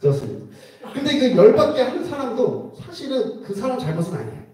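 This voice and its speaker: Animated male preacher in an echoey hall. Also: very high voice, a little fast, a little hiss or hum. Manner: animated, playful, acts out conversations and laughs often. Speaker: preacher at a winter church retreat. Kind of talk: lively sermon with acted-out dialogue. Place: retreat hall, indoors. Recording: roomy echo, mic heard from a distance.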